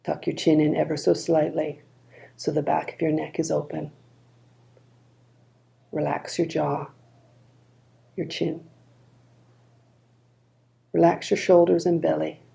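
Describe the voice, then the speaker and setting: Speaking low with some vocal fry, a woman leads a guided body scan meditation. Her pace is unhurried and her manner is gentle and calm.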